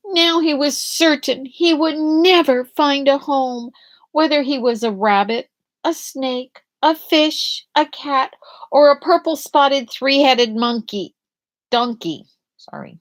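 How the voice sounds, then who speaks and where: Her voice is high-pitched as she reads a picture book to small children, putting questions to them and delivering each line with deliberate, dramatic phrasing.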